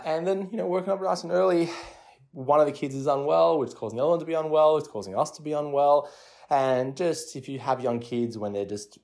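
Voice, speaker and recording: A man's voice: medium pitch, darkish tone. A man in his thirties talking casually as a solo fitness podcast host, giving coaching tips in short, repeated, conversational phrases. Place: home garage. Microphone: handheld or personal recording device.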